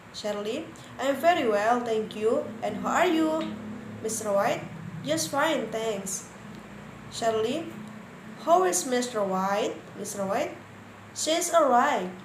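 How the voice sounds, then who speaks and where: A woman with an Indonesian accent presenting an English lesson, reading example dialogues aloud slowly and carefully. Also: fairly high pitch. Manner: slow, careful reading with stressed words. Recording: echoey room, faint background noise.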